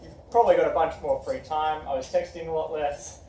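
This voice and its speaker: A man's voice: fairly high pitch, steady tone, a little fast, dark tone. Young male teacher, encouraging, classroom talk, distant mic, faint background noise. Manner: encouraging, asks questions. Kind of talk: classroom discussion. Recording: echoey room from far off, faint background noise.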